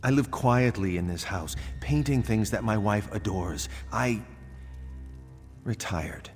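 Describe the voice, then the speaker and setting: A retired thief turned painter for a video game, his voice on the low side. He is a resigned married man with a theatrical, confessional way of talking. A long reverb trails his words, with music underneath. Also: slow. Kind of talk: video game character dialogue.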